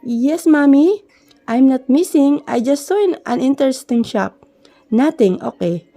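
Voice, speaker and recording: A woman's voice: sits high, expressive, measured pace, dark tone. A woman voicing a cheeky little rich boy in a story reading, with a lightly raised, playful tone.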